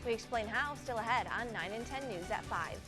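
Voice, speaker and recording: A woman news anchor reading scripted news in a crisp, measured way. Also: fairly high pitch, lively intonation, music in the background.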